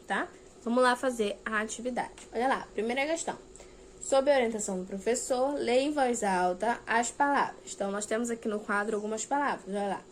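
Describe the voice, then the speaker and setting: A woman's voice: medium pitch, a little hiss or hum. A young adult woman teacher with a Brazilian Portuguese accent, patiently explaining a lesson to children and stretching out key words. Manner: patient, repeats key words slowly and checks in with "tá?". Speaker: primary school teacher. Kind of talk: recorded video lesson for fourth graders.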